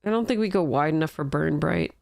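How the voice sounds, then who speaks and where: A woman's voice: low-pitched, quick pace, vocal fry, a little mellow, no room sound, clean studio sound. A woman with a congested, stuffy nose, commentating casually and wryly on a game as she streams.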